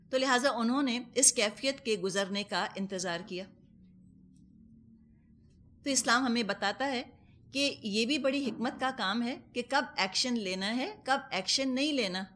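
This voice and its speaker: Her voice is fairly high and a little bright. A Quran teacher with a Pakistani Urdu accent, she gives a commentary lesson, patiently using everyday examples and mixing in English words.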